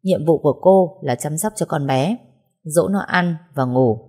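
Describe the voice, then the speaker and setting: A woman's voice: low-pitched, measured pace, mellow, slightly rough. A woman voicing a wealthy, stern elderly grandfather who lays down orders curtly. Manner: curt, dictating orders.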